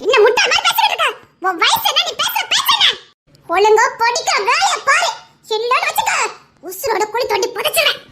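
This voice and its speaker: A woman voicing a furious middle-aged mother who scolds her daughter in a shrill voice. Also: very animated, a little fast, background noise. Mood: scolding.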